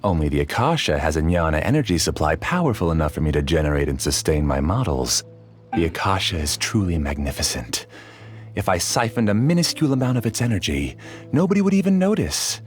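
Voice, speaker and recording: An actor playing a polite, scheming researcher villain in a video game, theatrical and measured. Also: male voice, rumbling low, sing-song, soft background music. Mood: proud. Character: courteous, scheming male researcher villain, husband, calmly arrogant.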